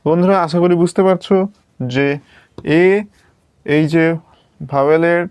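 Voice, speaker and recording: Slow patient male English tutor. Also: fairly high pitch, steady tone, darkish tone, clean tone, dry recording. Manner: patient, repeats each sound and checks understanding. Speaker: English teacher. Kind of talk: slow step-by-step lesson at a writing board.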